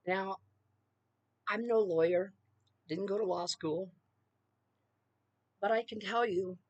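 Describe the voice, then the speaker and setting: A middle-aged woman talks straight into the mic in a fired-up solo rant, leaning hard on "okay?" and "you know" between points. Her voice sits at an ordinary middle pitch. The sound is dry and close, with almost no room around it. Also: slow pace, no room sound, dull audio. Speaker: political commentator.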